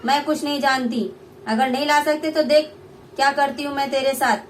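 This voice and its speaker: A woman playing a shrill, scolding mother-in-law. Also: fairly even intonation, moderate pace, slight background noise, lightly acted. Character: harsh greedy older mother-in-law. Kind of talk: puppet play performance.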